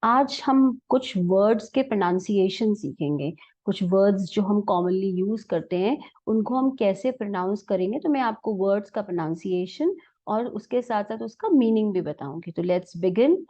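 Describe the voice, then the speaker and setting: A woman with an Indian accent leads an English pronunciation lesson, spelling each word letter by letter and repeating it patiently. Her voice is mellow and soft-edged. The recording sounds dull and lo-fi. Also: medium pitch, animated, normal speed. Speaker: English teacher. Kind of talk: explaining vocabulary lesson.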